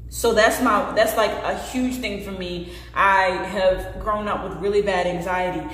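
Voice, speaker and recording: A woman in her late twenties speaks openly and earnestly in a personal vlog, her hands moving as she talks. Her voice sits at an ordinary middle pitch. It rings around a bare, very echoey room with a long reverb tail, picked up by the camera's own mic. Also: a little slow. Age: late 20s. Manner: earnest, expressive, gestures with hands while talking. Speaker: vlogger. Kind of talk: candid personal vlog talk.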